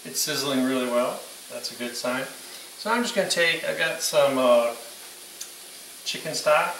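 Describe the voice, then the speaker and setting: A man in his sixties hosts a casual home cooking demonstration, chatting informally as he works in his kitchen. His medium-pitched voice is expressive, unhurried and a bit bright. The camera sits a few meters away, giving a distant, roomy echo with faint kitchen noise.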